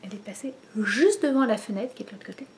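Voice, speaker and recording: A French woman in her thirties, a knitting vlogger, chats casually to a camera in front of her, framed head and shoulders, indoors in her living room. She rambles with many fillers and restarts, her medium-pitched voice slightly mellow and quick.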